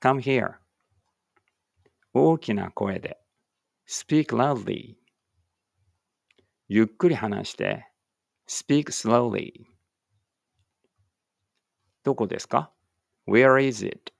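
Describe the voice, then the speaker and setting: A male English teacher reads short phrase pairs aloud, each Japanese line followed by its English version, at a very slow, careful pace. His voice has a gravelly texture and sits in an ordinary middle pitch. The recording is close and dry. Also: dry recording.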